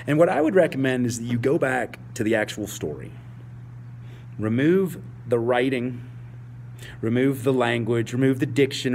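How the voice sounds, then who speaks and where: An English teacher in his forties speaks passionately and emphatically to fellow teachers, repeating key phrases. His voice is medium-pitched with a darkish tone, and there's slight background noise.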